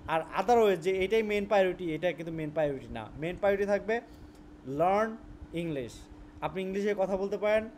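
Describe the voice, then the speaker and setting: High-voiced Bangladeshi man teaching. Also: animated, fairly quick, darkish tone, slight background noise. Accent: Bangladeshi Bengali. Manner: mixes English words into Bengali, frequent restarts. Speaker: English teacher. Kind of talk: casual spoken lesson.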